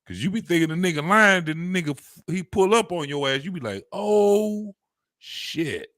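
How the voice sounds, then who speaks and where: A man in casual podcast chat, loud and profane, telling stories and acting out quotes. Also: fairly high pitch, lively intonation, fast, dry recording, studio quality. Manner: loud, storytelling, profane slang, acts out quotes.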